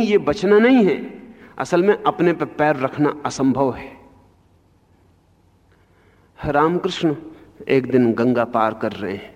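A man giving a spiritual discourse, speaking slowly and with emphasis, his voice rising sharply on key points, in a lo-fi archival recording. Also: a little high, a little mellow. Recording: lo-fi archival recording in a long-reverb hall.

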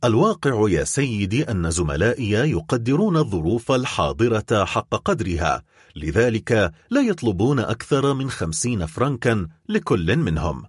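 A man's voice: fairly low pitch, sing-song, moderate pace, slightly rough, no room sound, clean studio sound. A man doing a weary, respectful sailor. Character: weary, respectful sailor speaking for his crew.

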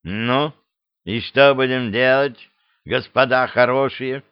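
A man's voice: mid-range voice, slow pace, clean tone, no room sound, close to an everyday voice. A man voicing a grumbling, indignant male forest honey-gatherer in an audiobook reading, on a dull, dry recording.

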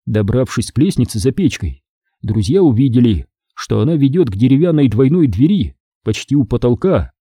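A man's voice: medium pitch, big pitch swings, normal speed, mellow, breathy edge, dry recording, studio quality. A man narrating a horror audiobook in a suspenseful, scripted way.

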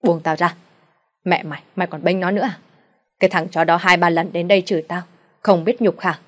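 A woman voicing a drunken, abusive middle-aged father who shouts insults at his family. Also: lowish voice, steady tone, natural voice. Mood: raging. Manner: shouting insults, fast and loud.

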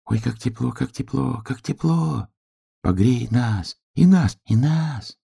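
A man voicing a chorus of chilly little grass blades that plead in high, thin, plaintive voices. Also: expressive, takes it slowly, vocal fry, warm tone, husky, exaggerated voice.

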